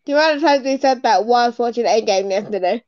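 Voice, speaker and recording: A woman co-hosting a podcast in casual chat, excitable and fangirling, swearing freely. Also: fairly high pitch, a little fast, no echo, muffled recording. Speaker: podcast co-host.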